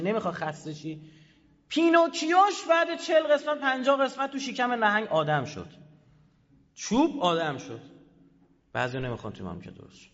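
A man speaks with a fairly high voice and a heated, sarcastic edge, rising into loud bursts and dropping into low asides. His voice carries a long hall reverb, and the sound is dull and lo-fi. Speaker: head of an institute. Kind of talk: animated talk to an audience.

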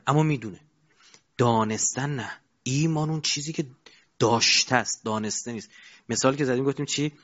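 Man preaching a lively sermon, lo-fi. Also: medium pitch. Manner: asks the audience rhetorical questions, shifts between loud and quiet. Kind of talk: colloquial sermon with anecdotes. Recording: dull lo-fi recording.

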